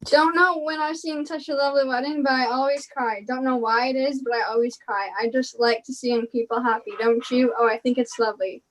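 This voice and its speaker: A young woman plays a gossipy wedding guest who gushes and chatters. Her voice is high and lifted above her usual tone. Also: fairly even intonation, fairly quick, hardly any pauses, close to an everyday voice, low-quality recording. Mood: gushing. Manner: gushing, chattery. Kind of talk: amateur play reading.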